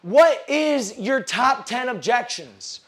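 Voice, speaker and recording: A man's voice: lively intonation, takes it slowly. A man giving a motivational sales seminar speech in a hall, preaching and calling out to the audience. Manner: high-energy, preachy, calls out to the audience. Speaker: sales speaker.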